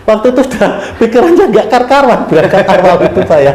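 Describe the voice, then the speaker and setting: Animated high-voiced storyteller. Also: male voice, fast. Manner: animated, laughs often, acts out his prayers. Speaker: guest telling his pilgrimage story. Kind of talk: casual storytelling interview. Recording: roomy room with faint ambient noise.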